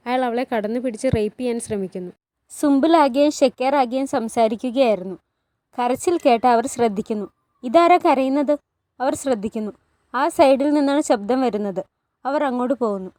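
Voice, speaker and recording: A woman's voice: fairly high pitch, fairly quick, warm tone, no echo. A woman retelling a TV drama as a story, reading every character's lines in her own voice and rising for cries and pleas. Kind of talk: storytelling narration with voiced dialogue.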